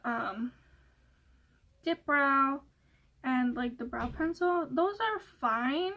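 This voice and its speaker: A woman's voice: high voice, fairly bright tone, slight background noise. A young woman vlogger chatting casually through a Q&A, rambling with many fillers and laughing often. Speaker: beauty vlogger. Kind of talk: casual Q&A chat.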